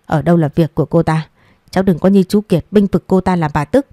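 A woman's voice: lowish voice, a little fast, dark tone, no room sound, studio quality, natural voice. A woman voicing a domineering, scornful older mother in an audio story, speaking in a scolding tone. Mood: resentful. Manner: scolding, contemptuous.

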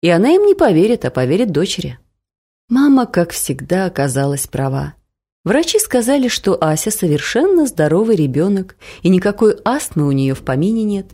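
A woman reads a first-person story aloud, her voice mellow and low-set. She tells it expressively, rising and falling a lot. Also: sing-song, moderate pace, breathy edge. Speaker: audiobook narrator. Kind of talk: audiobook narration.

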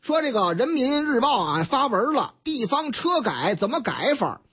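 A man's voice: very high voice, moderate pace, breathy edge. A man with a Beijing accent hosting a chatty radio newspaper commentary show, retelling stories and acting out the people in them. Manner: lively storytelling, acts out quoted characters with voice changes. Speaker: radio news commentary host. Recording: dull lo-fi radio broadcast.

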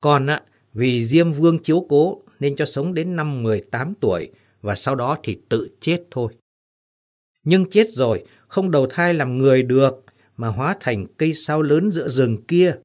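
A man's voice: mid-range voice, lively intonation, moderate pace, a little mellow, lightly acted. A man voicing the sorrowful ghost of a young son in an audio story, speaking sadly. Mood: mournful. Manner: sad, mournful.

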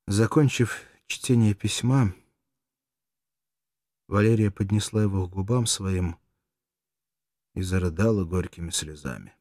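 A man reads a story aloud in an unhurried, solemn way, his voice sitting low. The recording is close and dry, with no room sound. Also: darkish tone, dry recording. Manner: slow, solemn reading. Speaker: audiobook narrator. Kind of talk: scripted narration.

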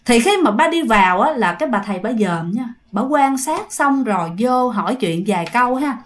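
Speaking at normal speed in an animated, rather high voice, a woman shares a ghost story in a casual way. She keeps it chatty and frequently turns to address her listeners directly.

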